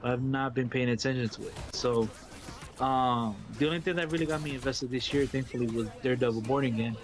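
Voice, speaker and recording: A Brooklyn man with a New York accent, chatting on a gaming stream, excitable and laughing, repeating words and calling people "bro". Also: mid-range voice, a little fast, soft background music. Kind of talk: casual gaming stream chat.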